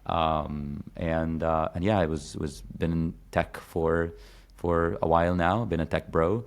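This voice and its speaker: A man in his thirties from Egypt chats casually as a podcast guest, rambling with plenty of fillers and restarts. His deep voice stays steady at a measured pace.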